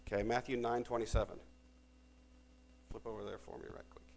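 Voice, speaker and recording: A man's voice: on the low side, little pitch movement, a little fast, vocal fry, darkish tone, low-quality recording. A man preaching a conversational sermon in a church, reading scripture and then explaining it while correcting himself as he goes. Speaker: pastor.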